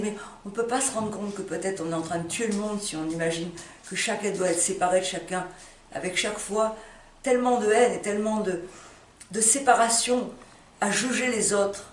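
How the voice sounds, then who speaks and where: This woman, mid-range in pitch, is recorded from afar in a big room, with echo and background noise around her. Speaking to camera without a script, she pleads passionately, hesitating, emphasizing and repeating phrases as she goes.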